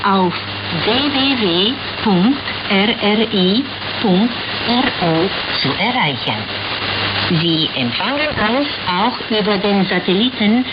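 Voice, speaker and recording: A woman radio announcer slowly reading out broadcast frequencies and schedules, heard over fading shortwave radio reception. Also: mid-range voice, lively intonation, muffled recording, heavy background noise. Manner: slow, deliberate reading of numbers.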